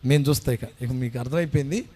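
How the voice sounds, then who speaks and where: A male preacher voicing a humble stonemason who pleads quietly with his boss. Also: medium pitch, fast, husky, pitched below the performer's own voice, natural voice. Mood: pleading.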